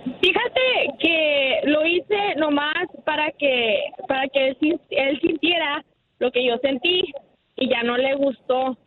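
A woman caller, speaking haltingly over the phone. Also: high voice, a little hiss or hum. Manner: hesitant, halting confessional talk. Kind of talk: phone-in chat. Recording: tinny phone line.

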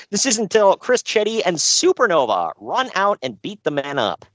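A man's voice: sits high, huge pitch swings, normal speed, fairly bright tone, dry recording. A man co-hosting a podcast, recapping a show with dry sarcasm and frequent laughs. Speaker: podcast co-host. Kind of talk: casual chat.

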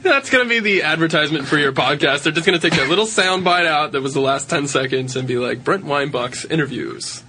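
A man's voice: a little high, lively intonation, noisy background. A man joining a podcast chat, riffing along with jokes. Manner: joking, quick to riff along.

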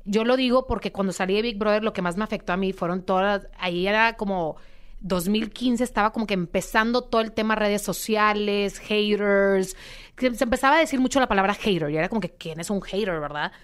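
A woman's voice: mid-range voice, fairly quick, clear, resonant tone. A young woman, a podcast guest telling her story and acting out quoted dialogue. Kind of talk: interview storytelling.

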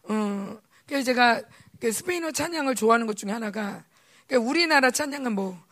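Woman preacher, higher-pitched and raspy, chatty sermon testimony with voices for the people in her stories. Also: a little fast. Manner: animated storytelling, acts out quoted voices. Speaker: pastor's wife preaching. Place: church service.

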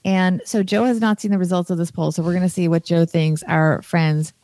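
A woman's voice: on the low side, fairly even intonation, fairly quick, dark tone, no echo. A woman co-hosting a podcast, talking frankly with a light sarcastic edge. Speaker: podcast co-host. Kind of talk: casual chat.

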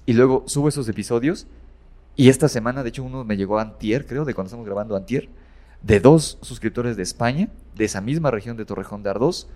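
A man's voice: mid-range voice, fast, mellow. A man casually retelling a horror story as a guest, rambling with many fillers and self-corrections.

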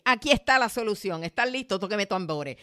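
A woman hosts a motivational podcast in easy conversation. She is animated and slips into a high, mocking voice for quoted complaints. Her pitch sits in the middle. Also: fairly quick, heavy background noise. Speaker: podcast host.

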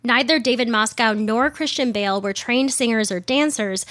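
Hosting a casual history podcast, a woman chats with wry asides, her voice slightly worn because she's a little sick. It sits a little high with a fairly bright tone at a moderate pace, captured in studio quality with no room sound.

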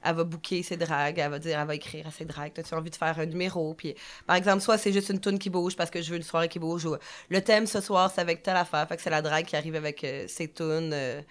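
A woman with a Québécois French accent speaks in a somewhat low, smooth, clear voice. She chats casually as a podcast guest and explains things with frequent fillers and restarts. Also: fairly even intonation, fast. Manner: chatty, many fillers and restarts. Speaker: guest, drag performer.

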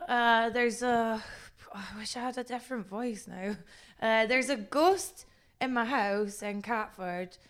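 A woman's voice: on the high side, measured pace, hardly any pauses, fairly bright tone, clean tone. A woman comedian with a regional British accent, chatting casually as a guest on a show. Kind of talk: casual chat.

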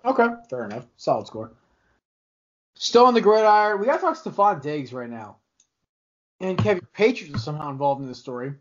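Young man, podcast co-host, casual sports chat, rambling, somewhat high voice, dull lo-fi sound. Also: fairly quick, pauses often. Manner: rambling, restarts often, animated opinions.

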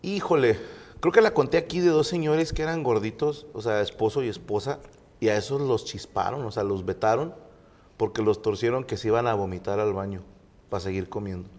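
A man's voice: on the low side, a little fast, darkish tone, long reverb tail. A young man with a Mexican accent, co-hosting a casual chat and telling slangy stories that act out the people in them. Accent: Mexican Spanish. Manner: slangy storyteller, acts out quoted voices. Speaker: podcast co-host.

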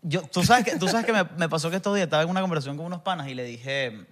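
A man's voice: a little high, racing, fairly bright tone. A man chatting as a podcast guest. He talks in a rambling, reflective way and keeps checking that the listener follows him. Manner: rambling, reflective, asks "me entiendes" often. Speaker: guest musician. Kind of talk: casual podcast chat.

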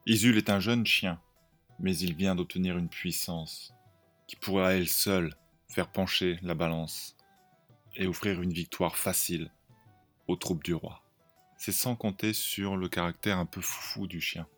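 Male host and storyteller: low-pitched, lively improvised narration over faint music. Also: a little slow.

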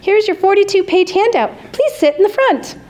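A woman putting on a shrill perky sales trainer girl. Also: animated, normal speed, a little mellow, slight background noise. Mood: chirpy. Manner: chirpy, scripted cheerfulness.

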